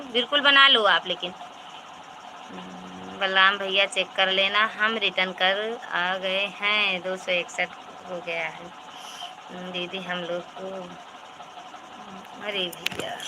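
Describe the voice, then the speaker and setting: A woman's voice: medium pitch, noisy background. A woman with an Awadhi-tinged Hindi accent hosting a casual live stream from home, chatting with viewers and greeting each one by name. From Uttar Pradesh, India. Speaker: livestream host.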